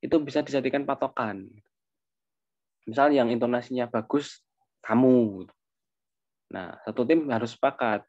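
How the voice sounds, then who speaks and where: A young man mentoring over a video call, his speech loose and casual, full of fillers as he thinks aloud. His mid-pitched voice comes through dull, lo-fi audio. The sound is dry and close, with no room behind it. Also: normal speed, no room sound. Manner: relaxed, informal, with many fillers and asides. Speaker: webinar speaker answering questions.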